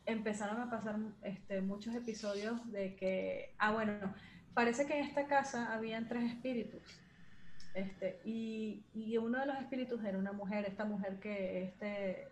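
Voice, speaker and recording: A woman's voice: medium pitch, fairly even intonation, moderate pace, slight background noise. Chatty young woman in an echoey room. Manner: chatty, many fillers, slangy. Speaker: storyteller. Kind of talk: casual chat, telling a paranormal story.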